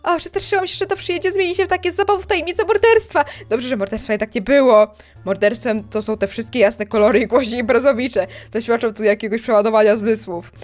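A woman voicing a weary, oversensitive undead girl in a game, speaking flat, quiet and deadpan. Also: on the high side, fast talker, soft background music, lightly acted.

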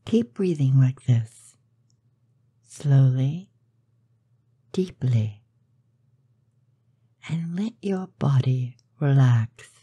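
A woman guides a meditation in a low, very mellow, dark voice, soft and breathy. She speaks slowly and soothingly, expressive, leaving measured pauses between phrases, with no echo.

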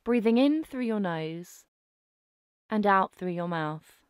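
A woman narrating a guided breathing meditation in a gentle, calming manner. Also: medium pitch, smooth, dry recording, clean studio sound. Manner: slow, gentle, calming delivery with soft phrasing.

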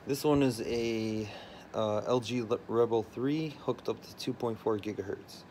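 A man's voice: fairly low pitch, measured pace, darkish tone, a little hiss or hum. A man casually talking through his tech setup while filming from behind the camera, loose and full of fillers. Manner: loose, filler-heavy explaining. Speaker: tech vlogger. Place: cluttered room full of phones and routers.

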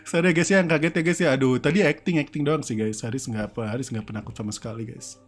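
A young male streamer with a medium-pitched voice delivers brisk, casual game commentary from home, playfully joking about himself and breaking into screams and laughter. Soft music plays in the background.

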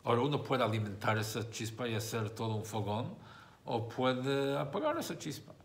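A man's voice: mid-range voice, expressive, moderate pace, a little hiss or hum. A man, a rabbi, teaching a religious text class, who explains by repeating and rephrasing his points and tells a story along the way.

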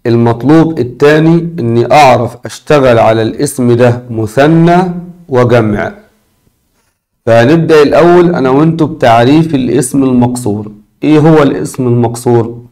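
A man with an Egyptian Arabic accent and a warm, mid-range voice teaches a recorded lesson. He repeats key words slowly and asks his students questions.

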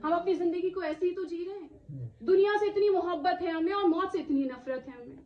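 A woman delivers an emotional religious talk to a gathered audience, her voice pitched very high. She presses her listeners with rhetorical questions and "isn't it?" asides. The sound is echoey and dull, like a lo-fi recording in a hall. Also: animated, brisk. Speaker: Islamic speaker addressing a women's gathering.

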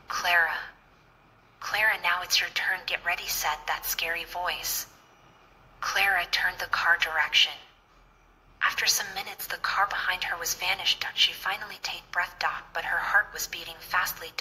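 A woman's voice: lowish voice, steady tone, measured pace, pushed and bright, rough recording. A woman narrating a scary story in a plain, earnest storytelling manner. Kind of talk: scripted horror story narration.

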